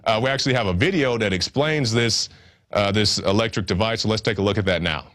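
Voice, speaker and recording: A man's voice: fairly low pitch, quick pace, fairly bright tone. A man hosting a nightly news show, talking loosely with joking asides and restarts. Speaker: news host. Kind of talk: casual news commentary.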